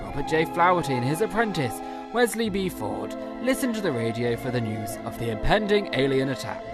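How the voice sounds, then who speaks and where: A man's voice: fairly high pitch, sing-song, a little fast, loud music behind the voice. A man playing a theatrical storyteller, delivering scripted narration for a radio drama. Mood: scene-setting.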